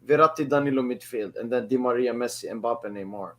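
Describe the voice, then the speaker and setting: A man's voice: mid-range voice, a little fast, fairly bright tone. A man in casual podcast chat who explains his points eagerly. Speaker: podcast panelist.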